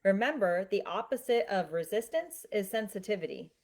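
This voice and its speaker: A woman's voice: mid-range voice, expressive, normal speed, darkish tone. A woman in a casual livestream lesson. She has a mid-range voice and talks through her explanation step by step. She keeps checking in with listeners and reacts to their comments. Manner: explains step by step, often checking in with "right?" and "okay?"; conversational, with some restarts. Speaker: livestream presenter answering viewer comments. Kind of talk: live-streamed explanatory talk.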